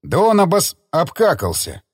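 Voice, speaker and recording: A man's voice: on the high side, wildly swooping pitch, normal speed, slightly rough, dry recording, studio quality, voice pushed up, heavily acted. A man voicing a sly, mocking tough guy in an audiobook, talking with cocky ease. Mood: smug. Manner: smug, mocking.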